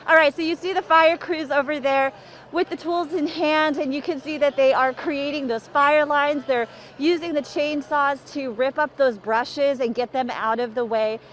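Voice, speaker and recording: A woman's voice: high voice, fairly even intonation, normal speed. A woman field reporter walking and talking urgently through a live breaking news report outdoors near a wildfire, out of breath.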